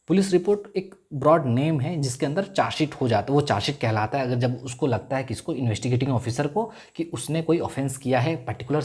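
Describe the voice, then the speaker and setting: During a classroom lecture, a man teaching law turns every key term into a question that he repeats in call-and-response fashion. His voice is mid-range, husky and mellow, and he slowly stretches out the English legal phrases he works in.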